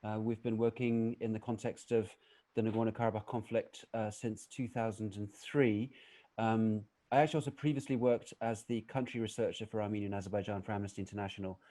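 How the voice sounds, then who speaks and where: Brief: male program director, flat and measured, with a lot of ums. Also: fairly low pitch. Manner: measured, with frequent fillers. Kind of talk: panel self-introduction.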